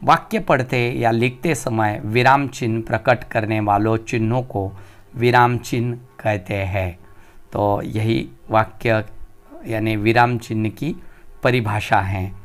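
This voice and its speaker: Man, Marathi-influenced Hindi accent, grammar teacher, smooth resonant voice, deliberate pauses. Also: mid-range voice, soft background music. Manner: slow and deliberate, pausing on each term. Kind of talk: slow explanatory grammar lesson.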